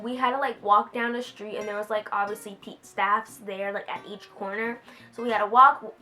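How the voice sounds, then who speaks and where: A teenage girl vlogs in a high, bright voice and tells her story in a giggly, excitable rush, full of fillers and restarts. Faint music plays under her voice. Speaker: vlogger. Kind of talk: casual storytelling vlog.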